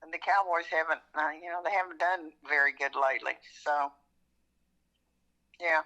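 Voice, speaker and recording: A woman's voice: low voice, moderate pace, bright, forceful tone, low-quality recording. A woman chatting casually about sports as an easygoing, agreeable fan. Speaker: regular guest.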